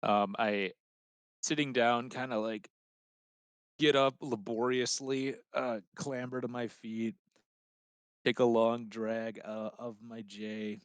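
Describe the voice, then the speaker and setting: A man's voice: fairly low pitch, dry recording. A man playing a tabletop role-playing game, describing actions and talking in character in a laid-back, hesitant way.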